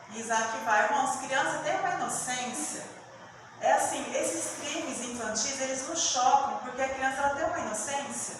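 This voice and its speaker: A woman with a fairly high voice preaches with emotive storytelling, moving from hushed passages to loud swells. She is recorded from far off in a church hall with a long, roomy echo. Room noise sits under her voice. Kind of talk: sermon.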